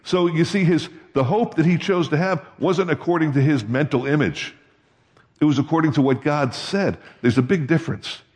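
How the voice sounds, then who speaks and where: This pastor's voice sits on the high side and sounds a little mellow, moving at normal speed as he gives a conversational sermon. He checks in with the congregation through frequent questions, and the hall's reverb lingers long.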